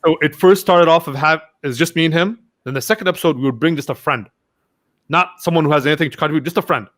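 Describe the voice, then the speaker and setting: Lively young man telling stories. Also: a little high, quick pace. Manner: animated, acts out quoted friends. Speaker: podcast guest. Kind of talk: casual storytelling interview.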